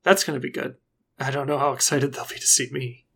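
A player voicing an excitable, earnest young woman adventurer who rambles with lots of fillers and giggles. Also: mid-range voice, a little fast, gravelly, slightly rough. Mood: uncertain.

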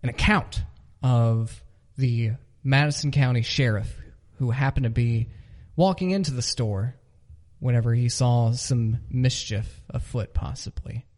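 A man with a mid-pitched voice hosts a comedy podcast. He delivers mock true-crime narration in a mock-serious storytelling tone. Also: measured pace, darkish tone. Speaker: podcast host.

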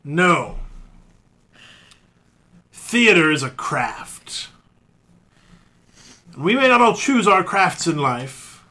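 A man's voice: on the high side, big pitch swings, very slow, long pauses, sharp tone, heavily acted. A man playing a pompous middle-aged theater veteran who lectures grandly in an improvised comedy scene. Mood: lecturing.

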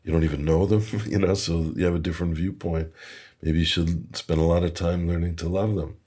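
A man's voice: sits low, fairly even intonation, a little fast, warm tone, husky. A man, a podcast guest, telling anecdotes in a chatty way, chuckling and repeating words while he searches for them. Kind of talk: anecdotal storytelling. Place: Toronto.

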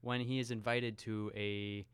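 A man co-hosting a film podcast, talking in a relaxed, conversational way. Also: lowish voice, a little slow, clean tone, no room sound. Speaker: podcast co-host. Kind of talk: casual film podcast chat.

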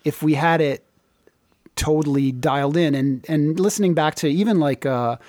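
A middle-aged man talking in a reflective, halting way in a casual interview. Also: fairly high pitch, darkish tone, no echo. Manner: thoughtful, halting, many fillers. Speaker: band member.

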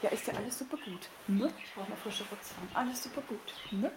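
A woman's voice: mid-range voice, a little fast, echoey room, noisy background. A woman podcast host chatting casually while getting dressed, singing bits and laughing, swearing playfully.

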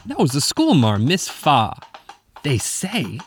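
A man's voice: fairly high pitch, wildly swooping pitch, slow pace, faint music behind, full character voice. A man voicing a nervous young ruffian in a red bandana who talks in a folksy western drawl in a comedy radio western. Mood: eager. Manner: folksy western drawl, stammering when anxious.

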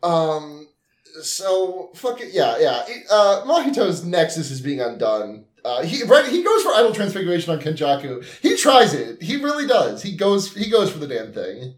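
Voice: medium pitch, sing-song, normal speed, roomy sound. A podcast co-host recapping an anime episode in casual chat, laughing often and leaning on filler words.

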